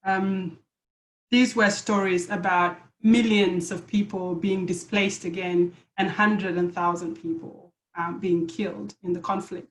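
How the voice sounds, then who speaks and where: A woman's voice: fairly low pitch, fairly even intonation. Earnest woman on an echoey video call. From South Sudan. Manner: earnest, halting with repeated restarts. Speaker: panelist. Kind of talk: webinar panel remarks.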